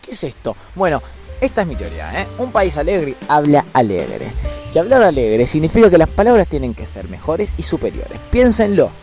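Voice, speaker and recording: A man's voice: fairly high pitch, wildly swooping pitch, moderate pace, darkish tone, faint music behind. A man with an Argentine accent, delivering a scripted comedy monologue in a mock-serious, exaggerated, jokingly ranting manner. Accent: Argentine Rioplatense Spanish. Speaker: comedy web series host.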